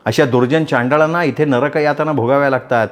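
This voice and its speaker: A man's voice: medium pitch, steady tone, fairly quick, lightly acted. A man voicing a proud, commanding young village woman who speaks firmly and with contempt. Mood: contemptuous. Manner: firm, contemptuous.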